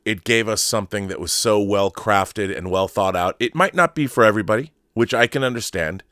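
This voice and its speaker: A middle-aged man's voice, fairly low and a little bright, moves along briskly in clean studio sound without any room noise. Hosting a film fandom livestream, he answers viewer messages with casual, enthusiastic commentary, an opinionated fan who rambles and repeats words as he works things out.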